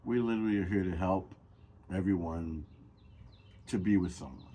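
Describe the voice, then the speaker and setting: A man co-hosting a podcast, talking in a relaxed, loose, conversational way. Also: low voice, normal speed, slight background noise. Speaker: podcast co-host. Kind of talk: casual chat.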